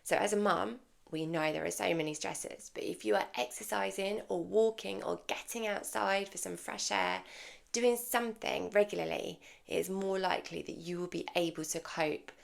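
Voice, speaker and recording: A woman's voice: lowish voice, steady tone, moderate pace, gravelly. A woman in her thirties hosting a podcast for mums, speaking in an encouraging way and putting questions straight to her listeners. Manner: warm, encouraging, addresses listeners directly with questions. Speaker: podcast host. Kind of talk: scripted podcast monologue.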